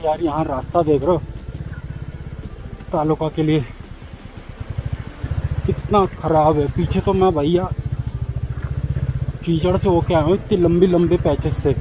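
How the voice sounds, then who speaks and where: Guy narrating his bike ride, excited and chatty, loud road and engine noise. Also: fairly high pitch, a little slow, pauses often. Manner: excited, chatty, talking to viewers. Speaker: motovlogger. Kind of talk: casual narration while riding. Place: outdoors on a motorcycle on a mountain road. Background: motorcycle engine and traffic.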